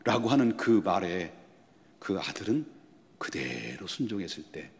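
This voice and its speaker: A male pastor delivering a sermon, often asking his congregation rhetorical questions and building to loud, emphatic passages. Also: sits low, sing-song, a little slow, gravelly. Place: church sanctuary. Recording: long church hall reverb.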